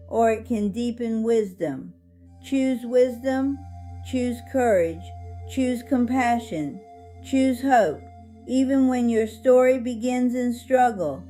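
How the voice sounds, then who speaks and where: A woman voicing a dignified, hopeful 101-year-old survivor, narrating her life story in a solemn, earnest, measured way over music. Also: a little high, warm tone. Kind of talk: scripted first-person life-story narration.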